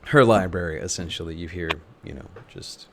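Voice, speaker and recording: Male game master, very deep pitch, improvised halting tabletop narration, faint noise behind. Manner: halting, thinks aloud while narrating.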